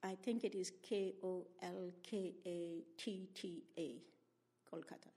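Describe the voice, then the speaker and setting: Older Indian-accented woman, oral history interviewee, unhurried reflective delivery. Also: fairly low pitch, fairly even intonation, mellow. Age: 70s. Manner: reflective, spells out names letter by letter. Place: public library room.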